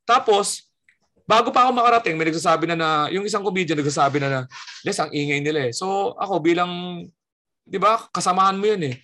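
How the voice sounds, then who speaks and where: Lively, bright Filipino comedian. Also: male voice, high voice, fast. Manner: animated storyteller acting out quotes. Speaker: stand-up comedian. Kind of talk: casual chat telling a story.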